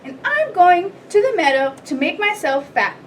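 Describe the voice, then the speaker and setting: Woman doing tiny young boy goat, very high pitch, timid, small-voiced, pleading, children's storybook, distant mic. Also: sing-song, normal speed. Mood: meek. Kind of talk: children's storybook read-aloud. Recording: distant mic, light background noise.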